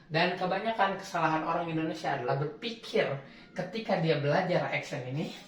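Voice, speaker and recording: A man's voice: fairly high pitch, a little fast, a bit bright, far from the mic. Man explaining accents in a roomy room. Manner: casual, repeats and restarts words while explaining. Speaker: host teaching English accents. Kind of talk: casual explainer lesson. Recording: roomy, from off-mic, faint background hiss.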